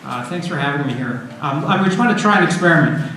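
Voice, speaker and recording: Male university lecturer, conversational and informal, somewhat higher-pitched voice, strong room echo. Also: lively intonation, quick pace, a loud crowd. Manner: informal, conversational, checks in with "right?" and "you know". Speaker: university computer science lecturer. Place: indoor lecture room with an audience. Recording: echoey room, audible background noise.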